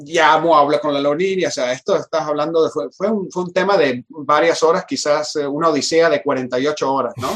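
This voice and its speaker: Animated man recounting a story, higher voice. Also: brisk, few pauses. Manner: animated, frequent restarts and repeated words. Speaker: guest telling a work story. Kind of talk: casual anecdote storytelling.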